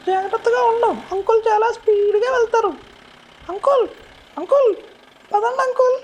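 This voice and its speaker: A woman voicing an excitable young squirrel who keeps calling out and begging for help in a cartoon. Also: very high voice, moderate pace, muffled recording. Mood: eager. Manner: urgent, repeatedly calling out and begging. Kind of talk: cartoon voice acting.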